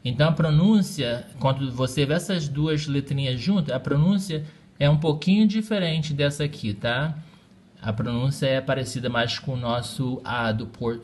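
A man's voice: mid-range voice, a little mellow, slight background noise. A man teaching English in a recorded lesson, speaking patiently and checking in often with his students. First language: Portuguese.

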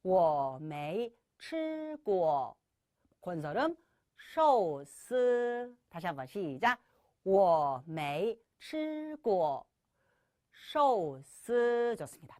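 A middle-aged woman teaching a language lesson, leading students in repeated drills with call-and-response cues and slowly modeled phrases. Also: mid-range voice, no echo, studio quality.

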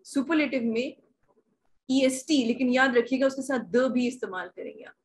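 A woman teaching grammar in an online class, patiently repeating examples and asking if things are clear. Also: high voice, low-quality recording. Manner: patient, repeats examples slowly, asks checking questions. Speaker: English teacher. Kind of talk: online class, bilingual explanation.

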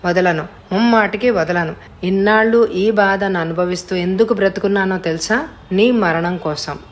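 A woman's voice: medium pitch, normal speed, close to an everyday voice. A woman reading an audiobook voices a cruel, vengeful man who speaks harshly and mockingly. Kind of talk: audiobook character voice.

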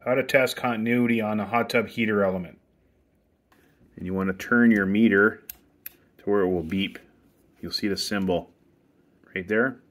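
A man with a fairly low, slightly bright voice walks through testing a hot tub heater step by step, recorded outside by the equipment bay as he works with his hands. His instructions are casual and practical, delivered at a moderate pace with long pauses.

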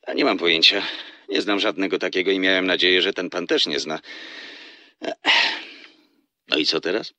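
A deep-voiced flirting salesman. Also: fairly even intonation, moderate pace, pauses often, bright, forceful tone, no echo. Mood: teasing. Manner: playful, laughs often, teasing. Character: flirtatious smooth-talking male salesman on phone. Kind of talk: radio drama acting.

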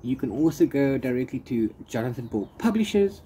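A man with a medium-pitched, dark-toned voice talks fairly quickly with big swings in pitch. He chats casually in a book review vlog, rambling and trailing off into repeated filler phrases. He's recorded in an open-sided corrugated-iron shelter outdoors, with clear background noise and open-air ambience.

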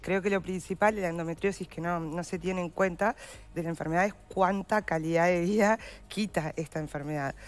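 A woman's voice: fairly low pitch, steady tone, fairly quick. A woman with a Uruguayan Spanish accent, a patient advocate giving earnest explanatory answers in an interview. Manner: earnest, explanatory, uses voseo. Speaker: guest, endometriosis patient advocate.

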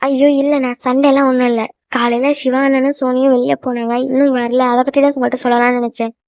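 A woman's voice: sits high, level tone, darkish tone, dry recording. A woman voicing a flustered young cartoon woman who stammers and talks in a hurry. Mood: earnest. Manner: stammering, hurried.

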